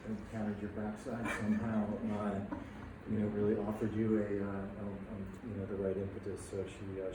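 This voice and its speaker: Halting low-voiced man speaking in echoey room. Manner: halting, hesitant delivery with very frequent pauses. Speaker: military officer presiding over a commissioning ceremony. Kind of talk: informal ceremony speech. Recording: echoey, distant mic, noisy room tone.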